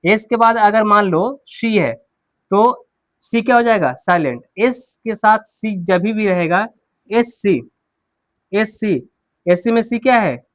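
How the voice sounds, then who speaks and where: A man's voice: sits high, takes it slowly, dry recording. A man teaching an English pronunciation class, asking the class questions and answering them himself, repeating the key words. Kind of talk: classroom lesson, explaining at a board.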